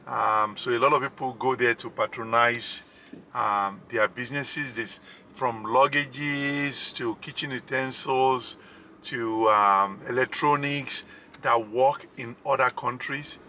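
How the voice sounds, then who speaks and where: Slow, halting man narrating a drive. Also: mid-range voice, fairly even intonation, bright, forceful tone. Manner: halting, hesitant, pausing often. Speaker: vlogger, driving tour host. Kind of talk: casual unscripted driving commentary. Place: inside a moving car. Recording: road and car noise. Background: faint vehicle noise.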